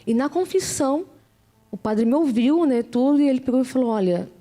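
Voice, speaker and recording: A woman's voice: high voice, brisk, dark tone, soft background music. A middle-aged woman with a Brazilian Portuguese accent telling her personal testimony in a heartfelt, repetitive way. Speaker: missionary giving testimony.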